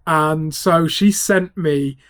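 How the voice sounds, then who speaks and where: A man's voice: a little high, slow, a bit bright, no room sound. Jokey man chatting in a close, dry recording. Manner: jokey, given to laughter. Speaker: town crier, interview guest. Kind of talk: casual interview chat.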